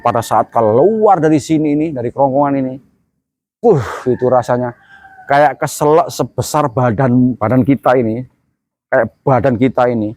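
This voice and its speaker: A man delivers a religious sermon, painting scenes dramatically and filling pauses with thoughtful hums. His voice sits at an ordinary male pitch. The sound is dry and close. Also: darkish tone, no room sound. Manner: vivid storytelling, dramatic, with many hums. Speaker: religious teacher.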